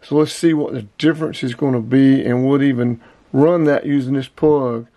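Dark in tone and mid-range, the voice of a man in his fifties stays fairly even at a moderate pace. A vlogger into outdoors and radio gear, he walks through a demo in a small indoor room on a close camera mic, speaking plainly, rambling, and repeating numbers, with no room sound.

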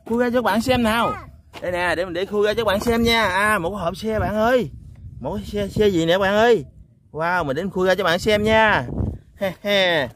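Man, high voice, excitable, lots of exclamations and chuckles, outdoor vlog, faint background hiss. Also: moderate pace. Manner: exclaims "wow" often, chuckles, addresses viewers. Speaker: toy vlogger. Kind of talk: excited toy-hunting vlog. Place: outdoors on a sandy lot.

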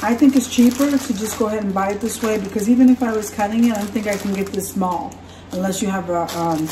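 A vlogger chats casually while unpacking and showing off her groceries in her home kitchen, relaxed and chatty and correcting herself as she goes. Her voice sits at a medium pitch. The camera records from across the counter, far off, so the kitchen sounds echoey and the background is noisy.

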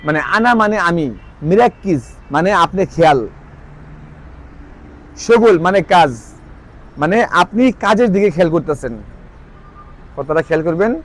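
Man, high-pitched, casual language tutor, repeats each phrase slowly. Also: lively intonation. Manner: repeats phrases slowly, explains with "ঠিক আছে?" checks. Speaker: language teacher. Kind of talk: casual spoken lesson.

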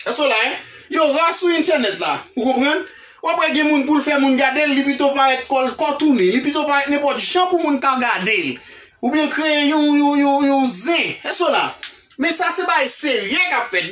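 An English teacher with a Haitian accent, giving a live online lesson, explaining in Creole and drilling English phrases slowly. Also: high-pitched, expressive, a bit bright, roomy sound, far from the mic, slight background noise.

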